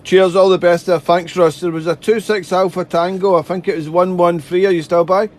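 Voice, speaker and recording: A man's voice: sits high, flat delivery, brisk. A man making amateur radio contacts, chatty and polite, repeating himself and spelling out callsigns phonetically. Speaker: amateur radio operator, live streamer. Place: radio desk indoors.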